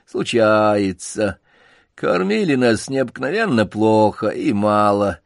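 A man voicing a pompous old male circus poodle who lectures slowly with showy pauses. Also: lowish voice, big pitch swings, gravelly, no echo, clean studio sound, heavily acted. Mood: lofty, lecturing.

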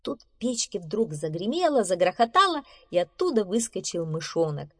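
A woman reading a children's story aloud in an expressive, animated storytelling manner. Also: medium pitch, normal speed, breathy edge.

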